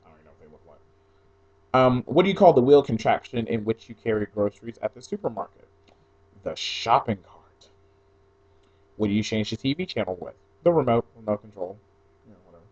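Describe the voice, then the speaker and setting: A man's voice: mid-range voice, animated, a little fast, a little mellow. Offhand young man, slightly dull recording. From New Jersey, mostly raised in Atlanta. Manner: offhand, wandering asides. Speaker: blogger recording an audio post. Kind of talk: casual solo chat, reading out a questionnaire.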